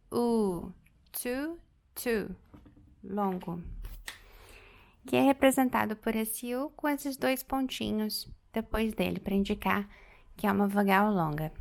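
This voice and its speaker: A woman in her thirties teaching an online English vocabulary lesson, explaining step by step and repeating phrases slowly. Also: mid-range voice, vocal fry. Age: 30s.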